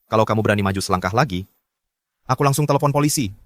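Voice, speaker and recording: A man's voice: lowish voice, racing, no room sound, natural voice. A man dubbing a stern, cold ex-husband. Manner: curt and stern, softer with his lover. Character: cold ex-husband, firm with his ex-wife. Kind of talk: Indonesian drama dub.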